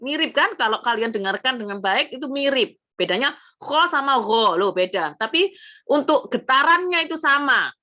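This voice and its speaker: A woman's voice: sits high, lively intonation, moderate pace, sharp tone, lo-fi sound. A woman with an Indonesian accent giving a casual lesson on Quran recitation. She explains patiently, often adding "gitu ya", and sounds out letters aloud to demonstrate.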